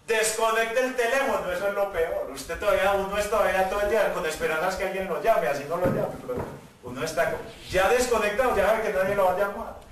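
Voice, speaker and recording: A man's voice: high-pitched, quick pace, background noise. Paisa Colombian man, echoey and distant. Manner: emphatic, acts out dialogues in quoted voices. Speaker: speaker giving a conversion testimony. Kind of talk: spoken testimony. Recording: echoey, from far off the mic.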